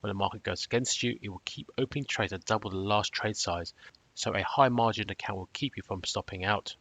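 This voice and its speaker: A man narrating a scripted review in a measured, matter-of-fact, cautionary way. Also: on the low side, a bit bright, no room sound. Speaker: trading robot reviewer.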